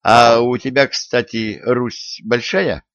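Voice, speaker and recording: A man's voice: medium pitch, steady tone, slow pace, fairly bright tone, no room sound, dull audio. A man voicing a weary, exasperated modern journalist who talks plainly, in an audiobook.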